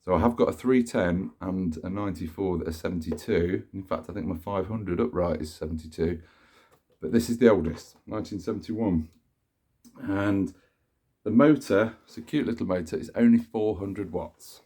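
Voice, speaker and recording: Filming a vacuum cleaner up close on a handheld camera in a sunlit room, a man chats through an informal demonstration at normal speed. His voice is low and mellow but nasal from a cold, and he meanders and self-corrects.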